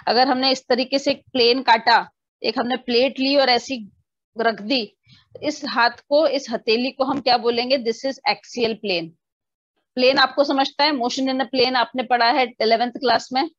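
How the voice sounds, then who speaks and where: Woman, physics teacher, patient step-by-step online lecture, higher voice, dull close-miked sound. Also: no echo. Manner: explains step by step, often asking students if they understood; mixes English definitions into the explanation.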